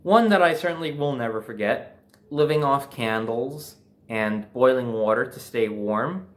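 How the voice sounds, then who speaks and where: Here a storyteller and host, a young adult American man from New Jersey, recounts something personal in an easygoing, conversational way with plenty of emphasis. His voice is medium in pitch and a little slow.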